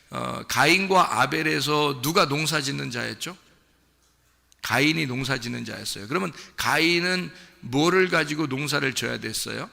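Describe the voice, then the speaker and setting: Male pastor, gravelly and bright, relaxed sermon with questions to the congregation, big church reverb. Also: medium pitch. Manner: conversational, asks the listeners questions and acts out quoted lines. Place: church sanctuary. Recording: long reverb of a large hall.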